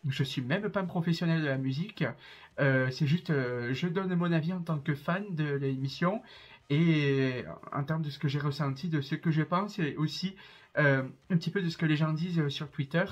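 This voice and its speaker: A man's voice: fairly high pitch, normal speed, dull audio. A man in his twenties from southern France, with a southern French accent, chatting to camera as a reaction video creator, with many hesitations and fillers. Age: 20s. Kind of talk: casual chat to camera.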